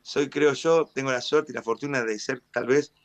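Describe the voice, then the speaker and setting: An Argentine man from Mar del Plata, a stadium announcer, tells his stories in a radio interview with expansive pride. His voice sits at an ordinary middle pitch. The sound is dry and close. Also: normal speed, dry recording, highs cut off. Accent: Argentine Spanish, Mar del Plata. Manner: animated storyteller, proud and expansive.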